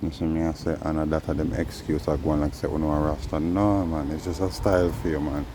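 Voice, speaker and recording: A man speaking in Rastafarian patois, rambling casually in a drawn-out, preachy way with frequent tag phrases. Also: very deep voice, flat delivery, background noise. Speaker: host. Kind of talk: casual rambling vlog monologue in Rastafarian speech.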